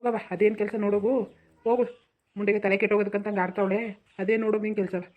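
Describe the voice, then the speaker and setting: A woman's voice: medium pitch, level tone, very fast, narrow, tinny audio, lightly acted. A woman doing a weary old village father-in-law. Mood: soothing. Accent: rural Mysore-region Kannada. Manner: pleading, placating, keeps saying hush.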